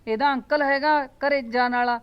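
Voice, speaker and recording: A woman's voice: high voice, fairly even intonation, normal speed, smooth, muffled recording, natural voice. A middle-aged woman playing a chatty, meddling village aunty who coaxes and advises her neighbors. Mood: advising. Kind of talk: village comedy skit acting.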